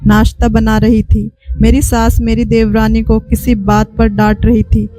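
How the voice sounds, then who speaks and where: Woman narrating a sad family story, calm and even, soft music way in the back. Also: fairly high pitch, a little slow. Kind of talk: first-person story narration.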